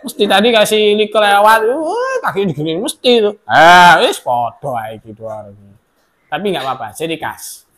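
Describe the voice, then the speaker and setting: A middle-aged male teacher giving a classroom lecture. He swings between loud outbursts and soft asides and acts out quoted remarks in sharp voices. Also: high voice, big pitch swings, normal speed.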